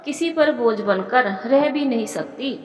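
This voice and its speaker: A woman's voice: fairly high pitch, lively intonation, a little slow, darkish tone. A woman voicing a remorseful young daughter-in-law who talks in an anxious, self-reproaching way. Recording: echoey room with long reverb.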